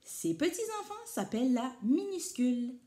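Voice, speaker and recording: Give me a cheerful encouraging mother, read by a woman, lively. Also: high-pitched, normal speed, voice pushed up.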